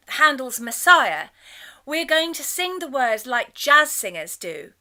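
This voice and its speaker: A middle-aged woman leading a choir course, chatting warmly and breaking into sung demonstrations. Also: sits high. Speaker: choir leader teaching a course. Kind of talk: enthusiastic spoken lesson with sung demonstrations.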